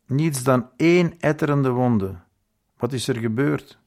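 A man's voice: mid-range voice, measured pace, a little mellow, voice pushed up, lightly acted. A man voicing a sympathetic police interrogator who speaks with urgent concern in an audiobook. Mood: alarmed.

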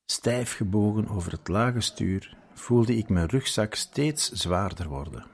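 A man reading a story aloud in a measured, scripted narration. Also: on the low side, expressive, slightly rough.

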